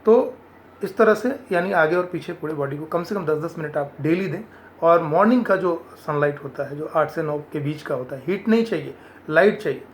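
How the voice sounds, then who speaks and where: A man from India explains health tips in an earnest, advising way, slipping English words into his talk. His voice sits a little high for a man. A faint hiss of background noise runs under the recording. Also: normal speed.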